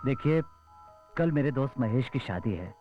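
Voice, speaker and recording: A man's voice: mid-range voice, expressive, moderate pace, dull audio, soft background music, close to an everyday voice. A man playing a pushy, coaxing friend. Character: pushy male friend of a shy groom. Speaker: friend pushing a shy groom.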